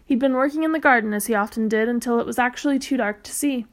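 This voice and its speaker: A woman reading a children's novel aloud, chapter by chapter, in a steady, unhurried storytelling manner. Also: a little high. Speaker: reader.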